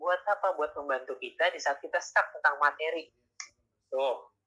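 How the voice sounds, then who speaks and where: A man's voice: fairly high pitch, moderate pace, pushed and bright, breathy edge. A man giving a casual online sales lecture over a video call, chatty and constantly adding tag questions. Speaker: sales trainer. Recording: tinny video-call audio.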